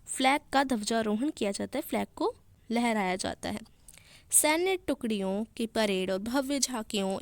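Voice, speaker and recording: A woman's voice: a little high, dry recording. A woman teacher explaining a grammar lesson to young children, repeating and rephrasing each point.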